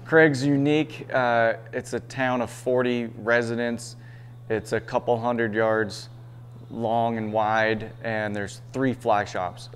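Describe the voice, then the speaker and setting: A middle-aged man talks casually about his shop, recorded on a lapel mic indoors. His voice is mid-pitched, with a faint hum in the background. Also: little pitch movement, slow. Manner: casual, friendly with fillers. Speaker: fly shop owner. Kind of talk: interview soundbite. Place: inside a small shop.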